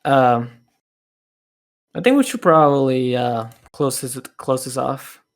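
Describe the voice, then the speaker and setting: A man hosting a casual music podcast, speaking in a halting way with frequent restarts and soft laughs. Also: mid-range voice, lively intonation. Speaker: podcast host and music reviewer. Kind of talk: casual chat.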